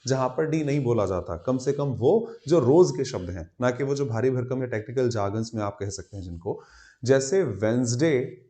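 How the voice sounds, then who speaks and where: A man's voice: mid-range voice, darkish tone. A male English grammar teacher with an Indian accent, giving a live online class and mixing Hindi and English as he explains. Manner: explains in a Hindi-English mix, greets students by name.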